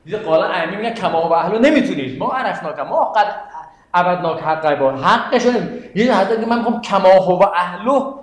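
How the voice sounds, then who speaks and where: A man's voice: high voice, animated. Male religious teacher in an echoey room. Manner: explanatory, quotes Arabic verses, asks students questions. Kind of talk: Quranic exegesis class. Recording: very echoey classroom.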